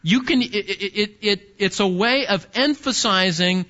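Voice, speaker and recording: A man's voice: sits high, measured pace, bright, forceful tone, highs cut off. A man, a pastor, preaching a sermon in a conversational way, often checking in with the congregation. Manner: conversational, asks the congregation questions.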